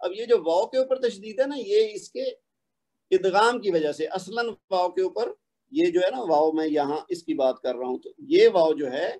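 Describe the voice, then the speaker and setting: A man with a Pakistani Urdu accent teaching Quran recitation rules in an online lesson, explaining patiently and reciting examples slowly. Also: sits high, darkish tone.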